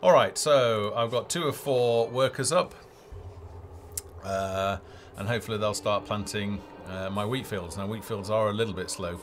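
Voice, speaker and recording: A man delivers live gameplay commentary as the game developer and host of a stream, hesitantly thinking out loud. His voice is on the low side and moderately paced, with game music playing behind it and a little hiss or hum.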